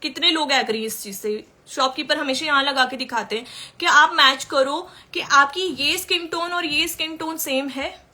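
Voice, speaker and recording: A woman's voice: high-pitched, moderate pace, sharp tone. A woman makeup artist teaching makeup in a chatty way during a live-stream tutorial, answering viewer questions as she works.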